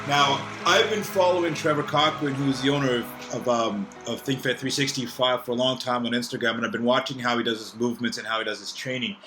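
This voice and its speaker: A male co-host chats in a relaxed way and reads a sponsor spot at a mid pitch. Music plays clearly behind his voice. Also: fast talker, few pauses, poor audio. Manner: laid-back, brief interjections. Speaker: podcast co-host. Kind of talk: casual chat and ad read.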